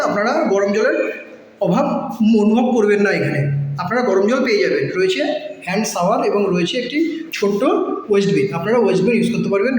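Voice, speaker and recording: Fast man echoing in a tiled washroom. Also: high-pitched. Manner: quick, upbeat, repeats points for viewers. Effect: loud echo off bare tiled washroom walls. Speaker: travel vlogger touring a resort. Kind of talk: walkthrough tour narration to viewers. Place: large tiled washroom, indoors. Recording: echoey room with faint ambience.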